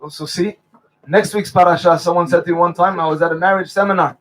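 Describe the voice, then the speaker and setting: A man's voice: high voice, steady tone, fast, poor audio. A man officiating a wedding, speaking under a chuppah and telling stories and jokes between Hebrew blessings. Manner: warm storytelling with Hebrew blessings.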